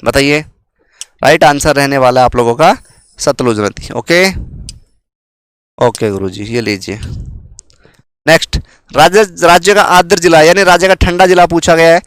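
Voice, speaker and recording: A man's voice: a little high, moderate pace, long pauses, fairly bright tone, smooth, dry recording. A male teacher running an exam-prep quiz, repeating each question and making viewers guess before he gives the answer. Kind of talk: quiz-style exam coaching.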